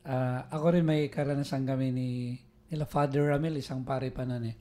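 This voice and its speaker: A priest from the Philippines hosting a talk, telling an animated story with laughter. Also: male voice, mid-range voice, fairly quick. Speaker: priest and host. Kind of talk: casual storytelling.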